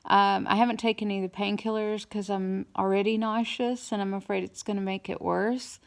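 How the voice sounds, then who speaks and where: In a steady, mid-range voice, a woman tired out by dental surgery gives an informal, faltering update about herself. She's a bit hoarse, and a swollen mouth plus new teeth make her words slightly harder to get out.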